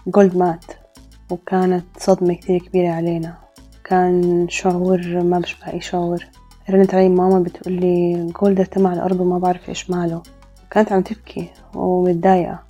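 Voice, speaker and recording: A woman tells a personal story in a reflective, hesitant way. Her voice is low and mellow, and her level, flat delivery moves quickly. Soft music plays faintly behind her. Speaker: storyteller guest.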